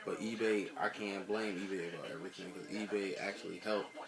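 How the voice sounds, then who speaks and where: A man's voice: low voice, fairly even intonation, a little fast, vocal fry, a crowd in the background. An American man in a casual rant to camera, blunt and emphatic, swearing heavily and repeating himself for emphasis. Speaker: sneaker vlogger.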